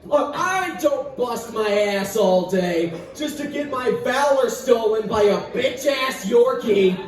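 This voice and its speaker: A man voicing an indignant, boastful male rescue dog who rants and shouts with scorn, on a stand-up stage. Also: extremely high pitch, expressive, slow, faint music behind, a faint crowd, heavily acted. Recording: echoey room from far off. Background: audience laughing.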